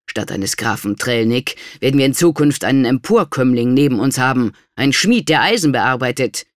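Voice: mid-range voice, animated, fairly quick, dry recording, studio quality, close to an everyday voice. A narrator voicing an indebted nobleman who answers bitter and weary, raising his voice in disdain.

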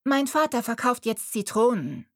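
A woman's voice: big pitch swings, normal speed, a bit bright, no room sound, clean studio sound, full character voice. A woman voicing a haughty young girl from a rich city family, bossy and imperious in an audiobook. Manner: bossy, imperious, shrill when calling. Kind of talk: audiobook character voice.

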